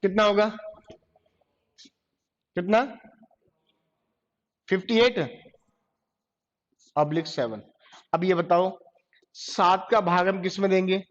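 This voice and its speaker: A man's voice: high-pitched, takes it slowly, pauses often. A male teacher, lecturing a classroom and asking questions that he then answers himself. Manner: quizzes class, answers his own questions. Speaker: computer teacher. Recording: dull lo-fi classroom recording.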